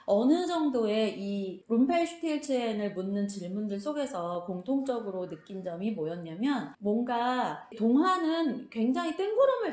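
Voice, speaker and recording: As host of a fairy tale book club channel, a woman leads a lesson in a conversational style, explaining and remarking on questions while performing imagined reactions as quotes. Her mid-range voice has a darkish tone, and the sound is roomy and echoing indoors.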